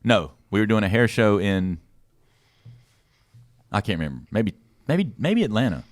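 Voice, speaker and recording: Low-voiced man telling a profane story. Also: big pitch swings, normal speed, no room sound, clean studio sound. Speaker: podcast host. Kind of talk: casual podcast chat.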